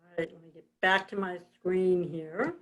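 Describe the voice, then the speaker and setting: A woman's voice: on the low side, moderate pace. A woman presenter giving an explanatory presentation in a plain, spoken style.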